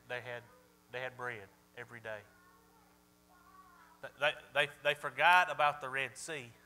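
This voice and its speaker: A man's voice: medium pitch, pushed and bright. A man preaching a sermon to a congregation, emphatic and often stopping to ask the listeners whether they are following. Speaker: pastor.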